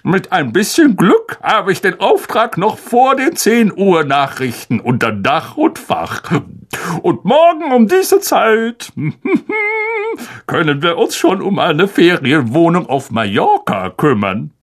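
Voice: mid-range voice, big pitch swings, a little slow. A reader playing a pompous, self-important uncle who orders his family around. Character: pompous, bossy middle-aged uncle.

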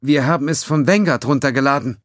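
A man's voice: mid-range voice, fast, no room sound, clean studio sound, pitched above the performer's own voice, close to an everyday voice. A man reading an audiobook, voicing a sheepish, nervous young male lieutenant reporting bad news. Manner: hesitant, sheepish.

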